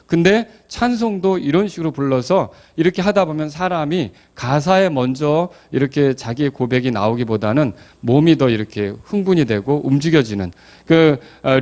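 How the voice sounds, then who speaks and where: A man with a fairly high speaking voice leads a Bible study lesson as pastor. He explains step by step, keeps asking his class questions, and drops in light, folksy humor. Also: darkish tone. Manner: explanatory, asks the class questions, claps out rhythms.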